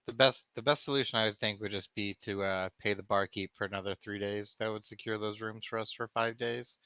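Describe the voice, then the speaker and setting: Crisp bright man, dry close mic. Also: on the low side, steady tone, fairly quick, dry recording, dull audio. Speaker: player. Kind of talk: tabletop game chat.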